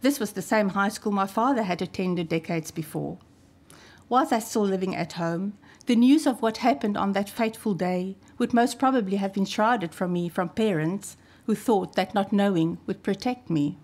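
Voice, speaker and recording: Speaking into a podium microphone in a wood-panelled hall, an archivist, a South African woman in her fifties whose first language is Afrikaans, gives a formal, measured talk from prepared text and leans on key phrases. Her voice is mid-range with a darkish tone.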